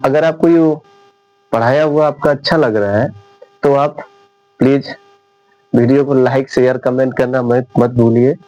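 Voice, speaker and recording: A man teaching an English lesson, talking slowly and deliberately and repeating each point. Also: medium pitch, fairly even intonation, a little mellow, dull audio. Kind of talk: classroom lecture.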